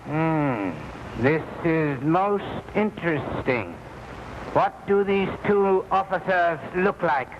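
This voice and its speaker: Villain boss: high voice, unhurried formal delivery, scheming; muffled 1950s TV broadcast sound. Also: male voice, animated. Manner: formal, slow and deliberate. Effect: noisy, dull 1950s TV broadcast recording. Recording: hissy, muffled old TV soundtrack.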